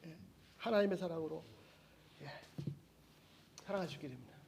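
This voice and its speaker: High-voiced man preaching with animated delivery. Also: moderate pace, gravelly, a little hiss or hum. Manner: animated, acts out quoted voices, chuckles often. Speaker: Bible teacher. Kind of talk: sermon.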